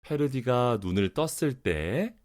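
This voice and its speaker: A man reads a children's story as its narrator. The delivery is slow and expressive, with wide pitch movement and very deliberate, over-enunciated articulation.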